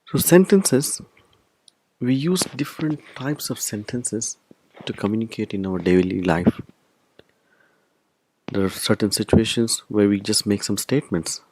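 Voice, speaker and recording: A man's voice: lowish voice, measured pace, pauses often, a little mellow, a little hiss or hum. A man teaching a recorded language lesson, explaining step by step and repeating key terms. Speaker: Arabic teacher.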